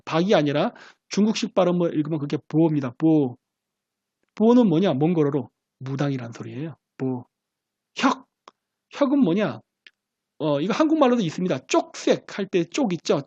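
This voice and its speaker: Male lecturer and host, animated pitch, self-answered questions, dry dull lo-fi sound. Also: breathy edge, dry recording. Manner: poses rhetorical questions and answers them himself.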